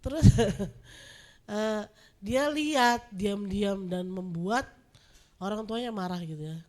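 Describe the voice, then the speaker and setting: A woman of middle pitch speaks up from the audience to ask a question. She tells her story haltingly, with plenty of pauses and fillers. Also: a little mellow. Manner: hesitant, many fillers. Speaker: audience member asking a question.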